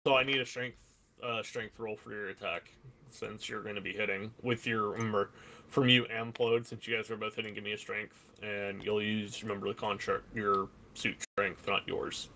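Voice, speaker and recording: A man's voice: on the low side, little pitch movement, moderate pace, bright, forceful tone, a little hiss or hum, rough recording. A man acting as game master, narrating and making rulings in a loose, improvised, conversational way.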